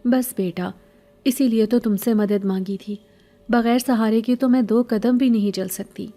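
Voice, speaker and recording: A woman's voice: fairly high pitch, steady tone, dark tone, faint music behind. A woman voicing a middle-aged beggar woman in a horror story, pleading and sweet-sounding, later harsh and scolding.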